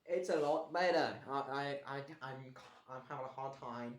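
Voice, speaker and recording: A man's voice: mid-range voice, moderate pace. A man casually reviewing a cartoon show in a put-on Australian accent, rambling and restarting his sentences. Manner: rambling with restarts, mock-complaining. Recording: echoey room.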